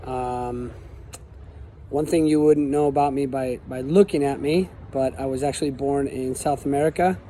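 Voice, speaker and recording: Earnest young man from Argentina, warm low-key delivery, hesitant, faint hiss behind. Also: fairly even intonation, moderate pace. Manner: earnest, hesitant with many fillers. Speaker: aspiring teacher. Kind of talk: casual self-introduction.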